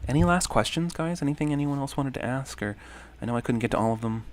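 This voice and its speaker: Quick-paced and mid-range in pitch, a thirtysomething livestream host reads out viewer comments in a rambling, friendly chat. He fills the gaps with plenty of ums and keeps thanking people.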